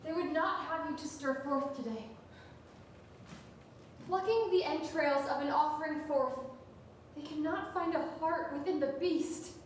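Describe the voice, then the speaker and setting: A woman playing Caesar's servant on stage, reporting quickly, recorded from a distance in a very echoey theatre. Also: high voice. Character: Caesar's dutiful household servant. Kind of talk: stage Shakespeare acting. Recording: distant mic, very echoey theatre, faint noise.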